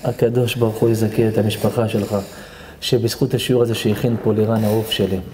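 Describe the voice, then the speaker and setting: A man's voice: on the low side, flat delivery. A man, a rabbi giving an emotional, fervent sermon to a seated audience in a hall. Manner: fervent, repetitive, swings from soft to loud. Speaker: rabbi giving a Torah lesson.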